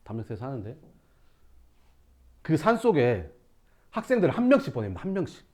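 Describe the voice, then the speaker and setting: Storytelling for his class, this young math teacher speaks briskly in a swooping, energetic voice pitched in the middle range. Sudden shouts and sound effects bring his scenes to life.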